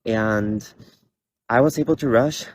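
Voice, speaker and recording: In a large indoor theater, a college student from Costa Rica in his twenties delivers an earnest but halting personal statement. His medium-pitched voice is cluttered with fillers and restarts, and there is slight background noise.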